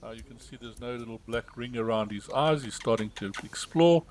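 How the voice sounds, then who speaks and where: A man calmly narrating an animal sanctuary video in a gentle, explaining way with frequent ums. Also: medium pitch, fairly quick, slight background noise, poor audio. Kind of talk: voice-over narration of a wildlife rescue video.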